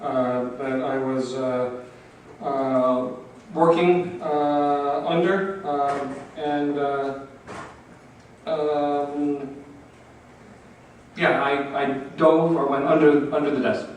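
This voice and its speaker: Slow, halting male interpreter. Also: on the high side, fairly even intonation. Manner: halting, many fillers and restarts. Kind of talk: consecutive interpretation at a talk. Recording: echoey hall from far off with faint noise.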